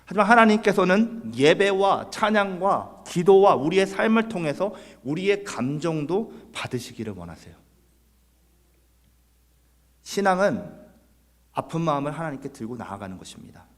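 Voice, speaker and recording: A man's voice: a little high, big pitch swings, normal speed, in a large hall. A man preaching a Sunday sermon as pastor, earnest, putting rhetorical questions to his congregation. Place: church sanctuary.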